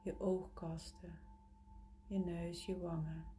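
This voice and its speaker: Soft, slow, intimate woman guiding meditation. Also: on the low side, little pitch movement. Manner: slow, soothing, gentle pauses. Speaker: guided meditation leader. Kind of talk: guided relaxation meditation.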